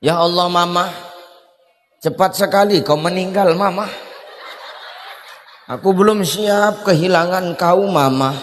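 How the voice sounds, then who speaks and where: Man doing a greedy widower, fake wailing, high and slow, hall echo. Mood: mock grief. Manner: wailing, theatrical sobbing. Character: greedy husband fake-crying over his dead wife.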